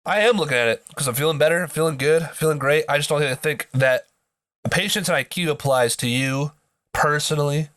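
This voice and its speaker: A man's voice: fairly high pitch, a little fast, a bit bright, no echo, studio quality. A man hosting a sports podcast in casual commentary, his voice nasal from a blocked nose, as if pinching it, with joking asides.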